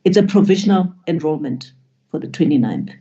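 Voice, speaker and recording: A woman's voice: low voice, lively intonation, a little fast, mellow. A middle-aged woman presiding as a judge, giving firm, stern directions in formal court language. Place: indoor room with plain wall, video call. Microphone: computer microphone on a video call. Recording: dull lo-fi video call audio.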